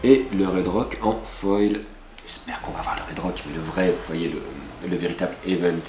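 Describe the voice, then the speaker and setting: A deep-voiced man talks at normal speed while opening trading card packs, chatting casually to viewers with plenty of asides. He gets excited and exclaims over each card he pulls. The room sounds roomy, with background music playing.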